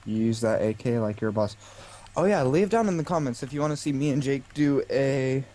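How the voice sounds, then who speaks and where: A man's voice: mid-range voice, fairly quick, dark tone, slight background noise, poor audio. A man bantering through casual gameplay commentary, joking and mock-boastful. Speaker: co-player.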